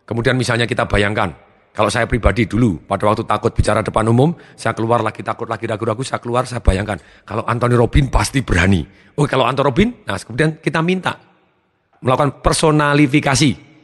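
A man giving a motivational seminar talk, energetic and acting out his students' lines. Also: mid-range voice, fast, in a large hall. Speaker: motivational trainer.

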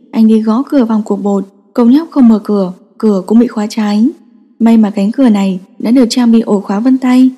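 A woman narrating a story in a steady, scripted storytelling style. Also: fairly high pitch, big-room sound. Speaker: audiobook narrator.

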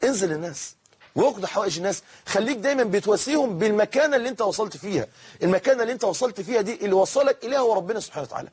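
A man's voice: high-pitched, husky. A man with an Egyptian accent preaching a sermon, often repeating key phrases for emphasis.

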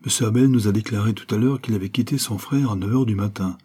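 A man doing a formal, measured magistrate. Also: on the low side, mellow, husky. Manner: formal, questioning.

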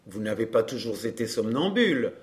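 A man voicing a suave, self-assured wealthy baron who teases and stays smooth. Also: fairly low pitch, big pitch swings, moderate pace. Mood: amused. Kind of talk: audiobook dialogue.

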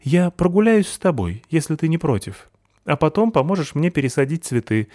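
A man's voice: a little high, very animated, a little fast, no room sound, clean studio sound, voice pushed up. A man voicing a kind, friendly young blonde woman. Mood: gentle friendly. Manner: gentle, friendly.

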